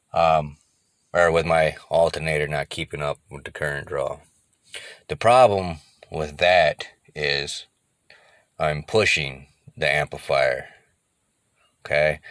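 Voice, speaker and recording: Easygoing male vlogger, very low pitch, sharp tone, close and dry. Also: no room sound. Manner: rambling, easygoing, repeats himself. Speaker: car audio hobbyist. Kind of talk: casual vlog talk to camera.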